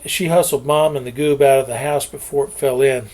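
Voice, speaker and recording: A man's voice: mid-range voice, fairly even intonation, a little fast, a little mellow. A middle-aged man, reading his own novel aloud and telling its backstory in a folksy way. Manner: folksy storytelling with homespun sayings. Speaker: author.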